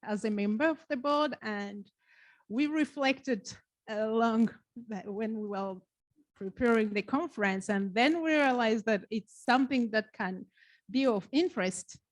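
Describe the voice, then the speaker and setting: Slow-speaking woman from Rwanda. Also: a little high, no room sound. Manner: unhurried, with frequent uhs. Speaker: researcher, panelist. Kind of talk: conference self-introduction.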